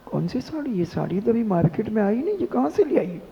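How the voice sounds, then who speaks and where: Animated high-voiced monk preaching. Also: male voice, a little fast, gravelly. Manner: animated, rhetorical scolding with mimicry. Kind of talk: sermon. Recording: dull sound in a long-echo hall.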